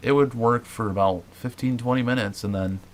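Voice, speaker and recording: A man's voice: medium pitch, fairly even intonation, brisk, slight background noise. A man hosting a paranormal show, explaining casually to viewers with many fillers and restarts. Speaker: paranormal investigator host.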